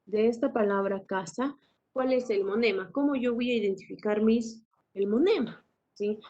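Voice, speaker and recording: A woman teacher lecturing a class, often asking tag questions and clearing her throat. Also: on the high side, moderate pace, dark tone. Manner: asks frequent tag questions. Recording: dull lo-fi recording.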